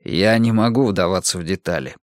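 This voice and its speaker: A man reading an audiobook, voicing a shaken middle-aged psychiatrist who talks tensely and haltingly. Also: low-pitched, dry recording, clean studio sound, close to an everyday voice.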